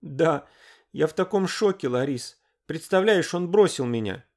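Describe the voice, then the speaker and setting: A man reading the part of a young woman who is crying down the phone, high and plaintive in his delivery. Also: very animated, moderate pace. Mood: tearful, upset.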